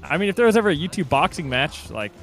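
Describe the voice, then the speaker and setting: A man's voice: a little high, sing-song, fast, fairly bright tone, soft background music. A man streaming an online board game with friends, joking and hyping up his dice rolls. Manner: playful hype, teasing commentary. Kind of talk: casual gaming chat.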